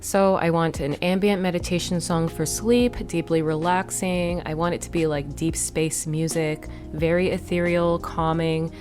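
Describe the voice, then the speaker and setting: A woman hosting a step-by-step software tutorial, explaining each click in a plain, instructive way. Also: on the low side, steady tone, unhurried, few pauses, soft background music. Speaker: tutorial host.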